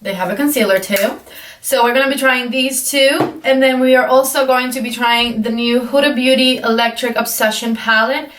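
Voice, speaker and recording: A woman's voice: on the high side, steady tone, moderate pace, a bit bright, distant mic, slight background noise. A young woman giving a casual makeup tutorial, chatty and apologetic with plenty of fillers, her voice groggy from just waking up. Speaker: beauty vlogger. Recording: echoey room, mic set back.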